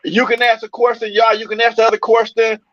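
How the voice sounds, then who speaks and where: A man's high voice reaches the show through a remote call that turns him tinny, metallic and robotic, with feedback around the edges. The line is dull and muffled. He keeps things loose and halting, leaning on fillers as he steers the show. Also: completely flat delivery, fairly bright tone, no echo. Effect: robotic, metallic-sounding connection with feedback. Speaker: co-host calling in remotely. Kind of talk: casual talk show chat.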